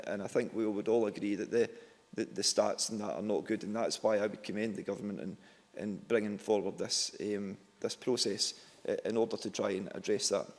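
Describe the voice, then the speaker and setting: A Glaswegian man delivers a formal, prepared speech to parliament in a fairly low voice. It is recorded in a large chamber with long, echoing reverb. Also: darkish tone. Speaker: member of parliament. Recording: echoey hall with long reverb.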